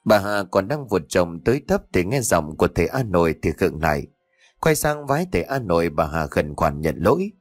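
A man narrates a ghost story in a low, animated voice, leaning into the drama of each line. The recording is close and dry with faint music behind him. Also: fairly quick, no room sound.

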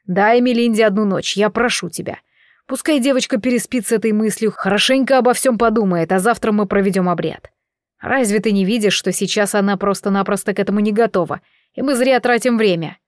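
An anxious man pleading on someone's behalf, read by a woman narrator. His tone is urgent and imploring, at a middle pitch, close and dry. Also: fairly quick, no room sound, lightly acted.

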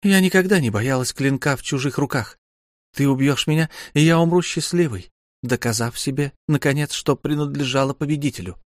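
Man voicing mocking young wife, sharp-tongued, teasing, defiant, dry studio sound. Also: mid-range voice, a little fast, dry recording, voice pushed up, natural voice.

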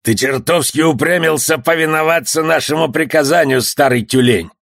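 A man voicing a gruff, threatening one-eyed male pirate in a read-aloud story. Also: a little high, moderate pace, a bit bright, no room sound, studio quality, voice pushed up. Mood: menacing. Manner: threatening, sneering.

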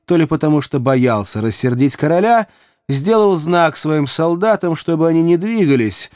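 Brief: steady male reader, warm tone. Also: a little high, no echo, clean studio sound. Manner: even, measured reading. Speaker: audiobook reader. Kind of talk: calm audiobook narration.

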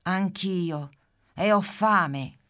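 A woman's voice: fairly low pitch, very slow, a bit bright, pitched above the performer's own voice. A woman voicing a cheerful, curious little female puppy in a storybook, eager and full of questions. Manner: eager, bouncy, asks lots of questions. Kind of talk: storybook character voice.

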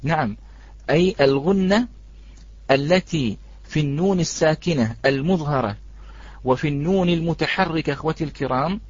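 A man teaching a Quran recitation lesson, patiently repeating his points and slowly reciting examples. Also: on the high side, breathy edge, dry recording. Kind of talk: online tajweed lesson. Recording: dry, slightly dull.

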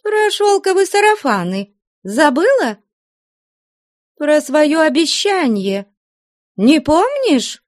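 A woman voicing a lively, headstrong young novice in a nunnery, eager and insistent. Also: high voice, takes it slowly, long pauses, voice pushed up, exaggerated voice.

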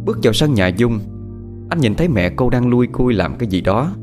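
A man with a Southern Vietnamese accent narrating a ghost story in a dramatic, expressive way. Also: mid-range voice, a little fast, music in the background.

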